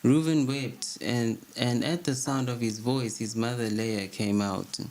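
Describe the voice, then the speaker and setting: A man reading an old religious text aloud at a steady, measured pace as a co-host. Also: medium pitch, low-quality recording.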